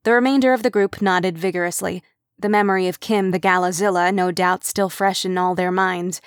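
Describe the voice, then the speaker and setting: A woman reading an audiobook in scripted narration, with an even, measured delivery. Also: medium pitch, no echo, studio quality.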